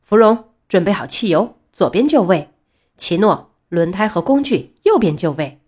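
A woman's voice: medium pitch, sing-song, moderate pace, darkish tone, husky. A woman voicing a strict military male jeep giving orders in a storybook. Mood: commanding.

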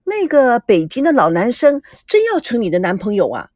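Nosy teen girl in a storybook, pushing and prying in a high, lively voice. Played by a woman narrator. Dry, close sound. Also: moderate pace, no echo. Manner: prying, pushy. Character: pushy, nosy teenage girl.

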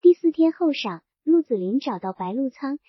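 A woman narrating a novel in a steady, even reading. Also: sits high, moderate pace, no echo. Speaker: audiobook narrator. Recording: dull, dry lo-fi recording.

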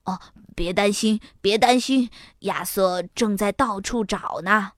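A calm, gentle storybook father, as a woman reader puts him on. He speaks low and slow to soothe the others. The sound is dry and close. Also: no room sound, soft background music. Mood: reassuring. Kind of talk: children's storybook reading.

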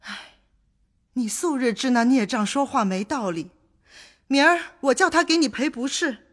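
An actress playing a sharp-tongued, exasperated middle-aged mother in an audio drama. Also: high-pitched, expressive, normal speed. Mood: soothing. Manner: scolding, exasperated.

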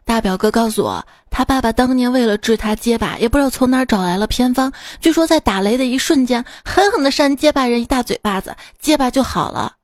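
A woman's voice: on the high side, lively intonation, fast talker, few pauses, no echo, studio quality. A woman hosting a podcast, reading out funny anecdotes and laughing at her own jokes. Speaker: podcast host.

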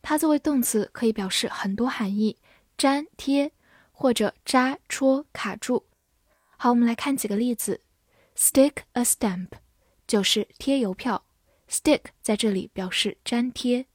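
A Mandarin-speaking woman gives a scripted English vocabulary lesson at an unhurried, deliberate pace. She spells out each word letter by letter and carefully reads example sentences in a fairly high voice. The sound is dry, with no room echo. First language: Mandarin Chinese.

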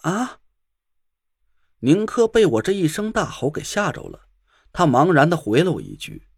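A man narrating a first-person audiobook story with tense, animated storytelling. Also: a little high, a little fast, vocal fry, breathy edge, dry recording, studio quality.

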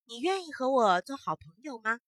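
A woman voicing a small, eager, lonely firefly who is searching for friends, calling out high and bright and refusing flatly. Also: fairly quick, no room sound, studio quality.

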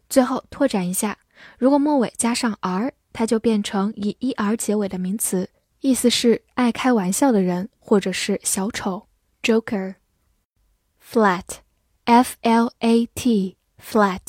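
A woman whose first language is Mandarin teaches English vocabulary from a script. She spells words letter by letter and reads example sentences slowly. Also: mid-range voice, a little mellow, no room sound, clean studio sound. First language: Mandarin Chinese.

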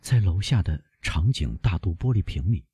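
A man's voice: low-pitched, very animated, moderate pace, dark tone, slightly rough, no echo, studio quality, exaggerated voice. A man voicing a poisoned servant who answers faintly and cries out in fear, in an audiobook reading. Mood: faint, weak. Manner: frightened, pleading cries. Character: servant man, poisoned, weak, then panicking.

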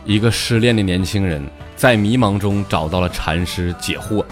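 A man's voice: sits low, moderate pace, faint music behind. A man with a Northeastern Mandarin accent telling jokes as a stand-up comedian, chatty and full of dialect slang. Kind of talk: comic joke telling.

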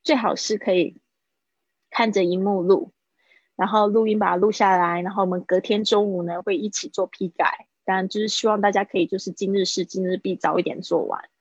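Woman teaching English vocabulary, husky voice. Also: medium pitch, fairly even intonation, no room sound. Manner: mixes Mandarin with English, drawn-out vocabulary drills. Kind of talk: live-streamed language lesson. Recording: husky, dull lo-fi stream audio.

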